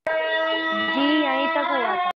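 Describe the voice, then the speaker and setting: A man's voice: very high-pitched, little pitch movement, drawn-out words, over loud music. A man who is a student giving short, polite replies in an online class. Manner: polite and brief, says sir. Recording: distant, dull call audio.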